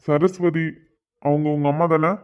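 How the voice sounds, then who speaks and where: Man as caring uncle, soothing, slightly high, lo-fi. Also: steady tone, measured pace, smooth, close to an everyday voice. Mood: worried. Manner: soothing, reassuring. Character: kind middle-aged uncle, protective and soothing. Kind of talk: Tamil cartoon voice acting. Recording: dull lo-fi audio.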